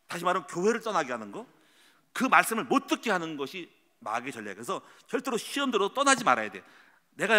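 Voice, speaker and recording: Lively pastor preaching in a reverberant hall. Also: male voice, high voice. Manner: lively storytelling, acts out quoted voices. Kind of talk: sermon. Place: church sanctuary.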